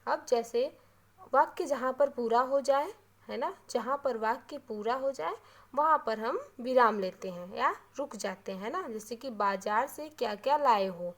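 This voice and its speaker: A woman teaching a grammar lesson, repeating key terms slowly and checking in with frequent tag questions. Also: a little high.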